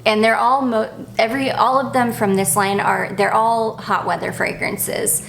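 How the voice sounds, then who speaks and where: A woman's voice: on the high side, fairly even intonation, measured pace, gravelly, a bit bright, slight background noise. A young woman chatting casually about perfumes she loves, gushing and drifting off on tangents. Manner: gushing, goes off on tangents, self-deprecating. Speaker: perfume reviewer. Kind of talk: casual review chat.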